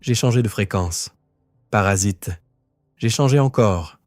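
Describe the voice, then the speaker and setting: A man reading a first-person horror story in a tense, measured way. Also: fairly low pitch, dry recording. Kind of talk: scripted horror narration.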